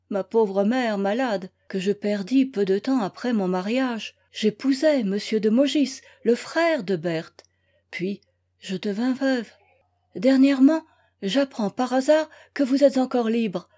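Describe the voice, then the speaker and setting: A woman's voice: fairly high pitch, warm tone. A woman reading a novel aloud and voicing a young widow who begs her former love to hear her out, imploring and emotional. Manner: imploring, breathless emotional pleas. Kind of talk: read-aloud novel, acted dialogue.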